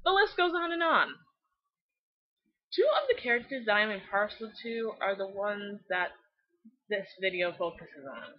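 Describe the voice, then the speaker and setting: On a lo-fi mic, a young adult woman hosts a fan video series, reading scripted commentary at normal speed. Her mid-range voice has lively intonation and frequent pauses, and her tone is sarcastic, exaggerated and profane.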